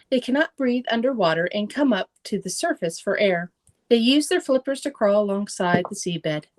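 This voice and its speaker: Her voice fairly high and a touch mellow, a middle-aged woman reads nonfiction aloud for children with care. Along the way she offers simple asides to explain things to her young audience.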